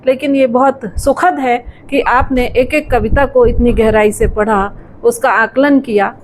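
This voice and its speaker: A woman moderating a book discussion with a high voice. She responds thoughtfully and at length. A faint hum runs underneath. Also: steady tone, unhurried, rough recording. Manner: appreciative, thoughtful, speaks at length.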